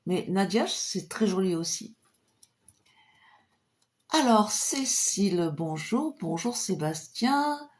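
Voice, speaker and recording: A woman's voice: lively intonation, takes it slowly, long pauses, a little mellow. Cheerful chatty woman clairvoyant. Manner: cheerful and chatty, drops to a low murmur for invocations. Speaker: clairvoyant doing pendulum readings. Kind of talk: live-stream reading of viewers' questions.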